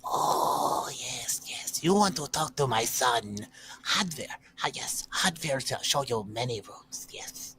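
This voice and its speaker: A man voicing a fussy older noblewoman who runs an inn, calling out in a breathy, sing-song way. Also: mid-range voice, expressive, slow pace, pushed and bright, a little hiss or hum. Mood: welcoming. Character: older high-ranking clan lady innkeeper, fussy.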